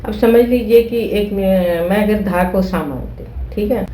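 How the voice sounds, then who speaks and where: A woman's voice: mid-range voice, measured pace, mellow, reverberant, a little hiss or hum, low-quality recording. A woman teaching flute who explains patiently, repeating steps and checking that listeners follow. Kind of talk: explaining a music lesson.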